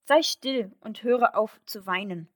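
A woman puts on a pushy little frog from a storybook who begs and bargains in a lifted, coaxing voice. He speaks slowly and keeps pressing his case. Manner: insistent, wheedling, lifted pitch. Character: pleading pushy male frog by a well. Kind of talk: storybook reading.

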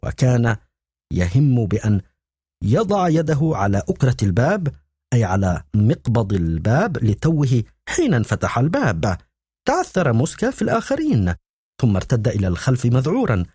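Male audiobook narrator with a dark, husky tone. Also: medium pitch, huge pitch swings, moderate pace, no room sound, clean studio sound. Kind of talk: scripted narration.

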